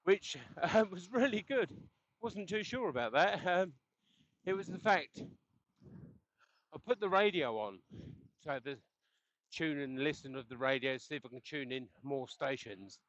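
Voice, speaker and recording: A cycling vlogger, a man with a fairly high, lively voice and a fairly bright tone, chats casually while riding his bike on the road. He speaks at a measured pace, pausing often as he rambles and chuckles, and he's recorded through a helmet intercom headset mic.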